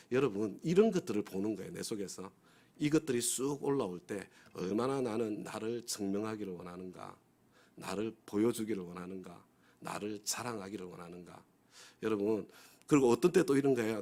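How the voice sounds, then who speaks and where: Man, pastor, dawn service sermon, fairly low voice, keeps asking listeners to agree, acts out inner voices. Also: a little mellow. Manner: has the congregation repeat phrases after him.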